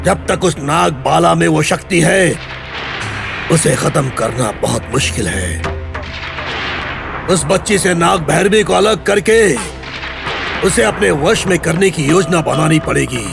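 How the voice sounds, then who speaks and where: An actor playing a scheming aghori sorcerer guru who commands his disciples, with a gravelly, slow, menacing delivery over music. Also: on the high side, animated, heavily acted. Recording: dubbed over loud music.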